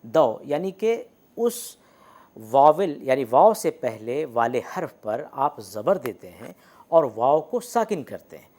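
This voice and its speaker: Patient teacher, mellow voice. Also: male voice, mid-range voice, very animated. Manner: explains patiently, repeats example words slowly, often checks with "theek hai". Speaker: Urdu language teacher. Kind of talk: recorded lecture.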